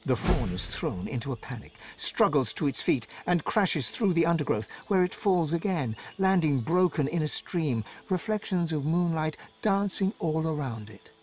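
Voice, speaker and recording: A man narrating a game story in an expressive, dramatic scripted style. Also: on the high side, moderate pace, hardly any pauses, natural voice. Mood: calm. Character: male storybook narrator, vivid.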